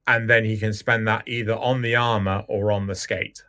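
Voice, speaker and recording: A man's voice: fairly low pitch, flat delivery, moderate pace, bright, forceful tone. A man co-hosting a casual gaming podcast, joking and pressing his point. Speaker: podcast co-host.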